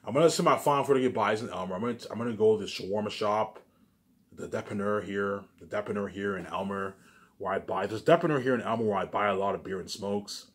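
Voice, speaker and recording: A vlogger rambles to the camera in an informal monologue, his voice slightly low. He talks very fast, emphatically and loosely, looping back over phrases, restarting them, and swearing throughout.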